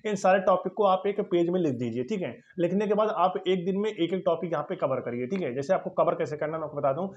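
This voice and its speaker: A man giving encouraging exam advice to his viewers, often checking in with a quick "okay". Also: high voice, expressive, highs cut off. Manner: encouraging, fills lines with "ठीक है". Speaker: exam coaching YouTuber.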